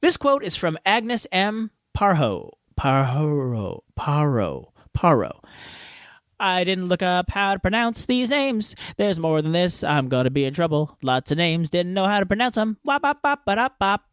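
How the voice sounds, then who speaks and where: A man's voice: sits high, sing-song, normal speed, clear, resonant tone, no room sound, clean studio sound. A man hosting a podcast, recording playful, self-mocking outtakes in a hot home garage. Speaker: podcast host. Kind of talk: outtakes, joking self-talk.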